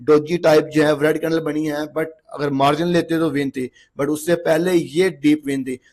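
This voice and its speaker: A man with a slightly hoarse voice from long talking, giving a casual, chatty trading lesson while walking through a chart on screen and checking in with the viewer often. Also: a little high, level tone, moderate pace, darkish tone, slight background noise. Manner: chatty, repeats checks like "okay ji" and "look". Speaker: trading instructor.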